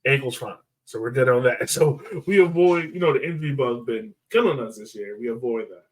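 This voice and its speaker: A man of medium pitch talks a little fast on a relaxed soccer podcast he hosts. Somewhat distant from the mic, he keeps things playful with lots of laughter and joking sports talk.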